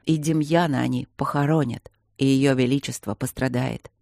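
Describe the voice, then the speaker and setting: A man voicing an enraged male castle commandant who growls his lines in a slow, heavy, hoarse voice. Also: medium pitch, fairly even intonation, darkish tone, dry recording, studio quality, close to an everyday voice. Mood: grim fury.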